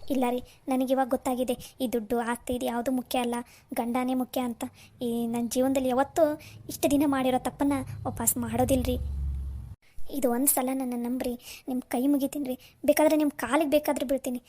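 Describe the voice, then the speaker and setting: A woman's voice: high voice, little pitch movement, brisk, mellow. A woman voicing a young cartoon wife who repents and tearfully pleads for forgiveness. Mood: tearful pleading.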